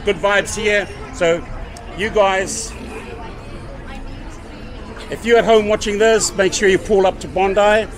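A middle-aged man vlogs casually on a busy evening street, talking to a handheld camera held at arm's length amid crowd and traffic noise. His high voice stays steady and slow with frequent pauses, his manner laid-back, chatty and upbeat.

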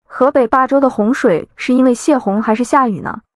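A woman narrating a scripted news summary in an even, informative tone. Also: high-pitched, fairly quick, dry recording, clean studio sound.

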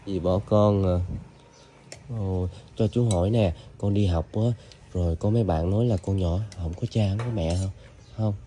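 A man interviewing a child, asking gentle, coaxing questions with many fillers. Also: low-pitched, fairly even intonation, moderate pace. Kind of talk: casual street interview. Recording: outdoor video with noticeable background noise.

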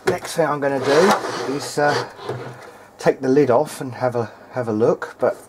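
The recording is very noisy as this man, a hobbyist repairer presenting a video diary, works at an indoor bench. His mid-range voice keeps a measured pace while he hesitantly thinks aloud through the hands-on repair.

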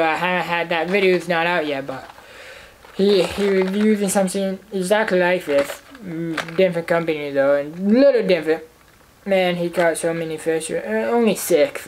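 A young man casually showing off fishing tackle he bought, talking in a halting, rambling way with lots of fillers, recorded at home in his living room. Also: high voice, slight background noise, poor audio. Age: young adult. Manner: rambling, halting, repeats himself with many fillers. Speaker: fishing vlogger. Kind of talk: casual tackle haul show-and-tell.

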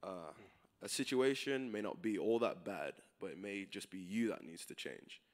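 Low-voiced young man, casual talk. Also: moderate pace. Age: young adult. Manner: casual, hesitant, lots of fillers. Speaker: graduating senior speaker. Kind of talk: informal chapel talk.

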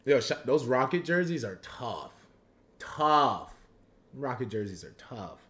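A man's voice: medium pitch, sing-song, slow pace, fairly bright tone. A man in his twenties reacting to a video on a live stream, laid-back and chuckling as he talks to his chat on a headset in a home studio. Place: home studio room with shelves.

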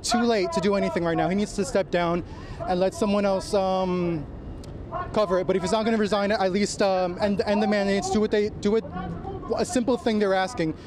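A man's voice: high voice, steady tone, fairly quick, crowd noise. A man interviewed at an outdoor street protest, speaking hesitantly and with frustration. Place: busy city street outdoors.

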